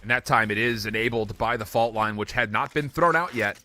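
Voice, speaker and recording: A man calling esports play-by-play with quick, excitable calls. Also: medium pitch. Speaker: esports caster. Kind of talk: play-by-play commentary.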